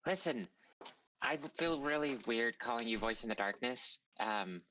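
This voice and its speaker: A man's voice: medium pitch, expressive, unhurried, pushed and bright, slight background noise, low-quality recording. A man playing a tabletop role-playing game, chatting casually and playfully in character.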